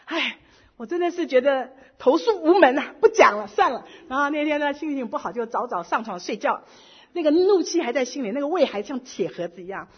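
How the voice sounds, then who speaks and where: A middle-aged woman giving a personal church testimony in lively storytelling style, slipping English words into her speech. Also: sits high, fairly quick. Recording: dull lo-fi recording.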